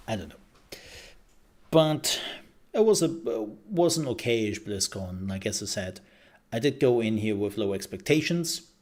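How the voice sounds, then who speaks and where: A man's voice: on the low side, a little mellow. A man streaming live and chatting casually as he reacts, rambling and thinking aloud with repeated phrases, his voice worn out from a long day of talking.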